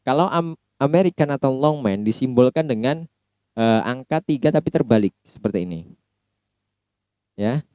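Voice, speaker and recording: A man from Indonesia talks through a recorded slide lecture on pronunciation. His voice is dark and mellow, and he goes step by step, saying each example word again slowly. The recording is dry and a little dull. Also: mid-range voice, lively intonation, clear, resonant tone, dry recording. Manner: explains step by step, repeating example words slowly. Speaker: phonology lecturer. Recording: dull, slightly lo-fi dry sound.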